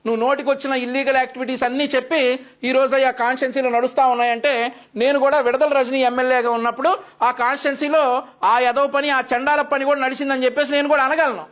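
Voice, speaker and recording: A man's voice: very high voice, flat delivery, fast, a bit bright. A male news commentator delivering an opinionated, scolding rebuttal with a sarcastic edge.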